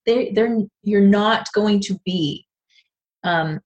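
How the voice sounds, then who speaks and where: A woman co-hosting a podcast in a casual chat. She is an animated storyteller who laughs often and slips into playful voices. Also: medium pitch, slow, lo-fi sound. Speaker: podcast co-host.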